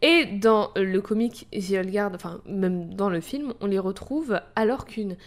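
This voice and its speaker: A woman's voice: mid-range voice, unhurried. A woman hosting a podcast in casual chat, enthusiastic and swearing freely. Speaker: podcast host.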